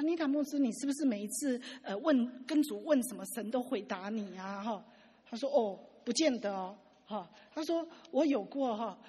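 A woman preaching a sermon, telling stories with lively acted-out dialogue. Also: high voice, husky. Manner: lively storytelling, acting out quoted dialogue. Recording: long hall reverb.

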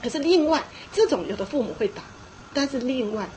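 A middle-aged woman delivers a sermon in a high voice. She talks emphatically, repeats her points and acts out scolding scenes as she goes. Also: animated, brisk, darkish tone, slight background noise, poor audio. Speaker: preacher. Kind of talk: sermon on parenting.

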